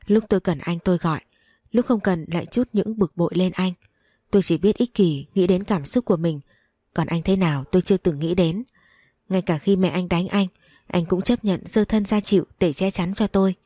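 A woman's voice: on the low side, moderate pace, warm tone, dry recording, clean studio sound. A woman narrating a first-person story in an earnest, emotional reading.

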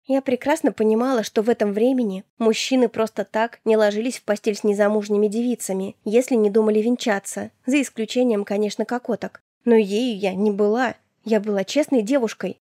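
A woman's voice: medium pitch, fairly even intonation, a little fast, few pauses, dark tone, no echo, clean studio sound. A woman reading a first-person audiobook with an indignant, sarcastic, emotional delivery. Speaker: audiobook narrator.

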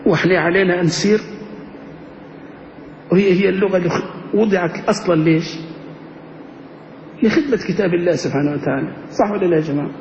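A man's voice: high voice, fast, long pauses, darkish tone, slight background noise. A man teaching grammar to a class, often checking with them through rhetorical questions. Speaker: sheikh teaching Arabic grammar. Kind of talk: classroom lesson. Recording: dull lo-fi recording.

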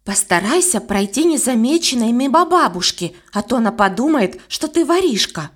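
A woman's voice: fairly high pitch, animated, moderate pace. A woman doing a caring, motherly actress. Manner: caring, coaxing. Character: kind, fussing adult actress, motherly.

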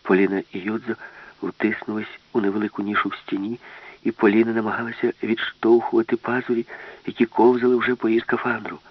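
A man narrating an audiobook with a lively, expressive reading. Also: on the low side, quick pace, no echo. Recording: dull, lo-fi, dry.

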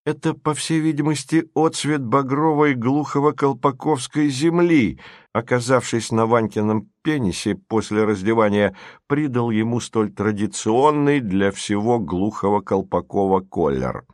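A man's voice: medium pitch, measured pace, no echo. Guy reading an audiobook, wry and mock-solemn, dry close mic. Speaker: audiobook narrator. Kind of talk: scripted narration.

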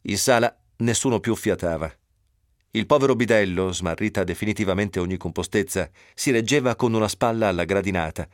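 A man reading a novel aloud on radio in a steady, even storytelling manner. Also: on the low side, a little fast, dry recording, clean studio sound. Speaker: narrator.

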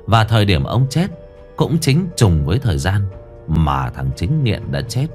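A man with a low voice narrates a scripted horror tale, his pitch rising and falling dramatically as he dwells on the grim details. Faint music plays behind him. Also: big pitch swings, a little slow, a little mellow. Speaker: storyteller.

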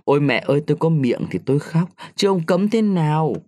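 A man's voice: fairly high pitch, animated, a little fast, dark tone, dry recording, clean studio sound, voice pushed up, lightly acted. A man voicing a grieving young village widow who wails and begs. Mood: defiant. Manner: wailing and begging.

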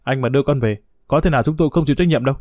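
A man voicing a curt, cold woman doctor who scolds sharply and fast. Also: mid-range voice, a little mellow, no echo, studio quality, lightly acted. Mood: irritated.

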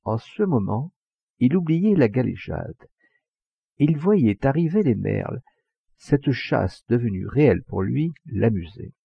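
A man reading a classic novel aloud as audiobook narration, expressive and measured. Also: mid-range voice, creaky, breathy edge, dry recording. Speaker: audiobook reader. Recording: dull lo-fi recording.

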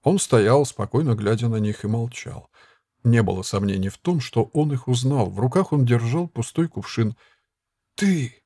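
A man narrating an audiobook in a measured, even storytelling manner. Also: mid-range voice, dry recording. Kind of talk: audiobook reading.

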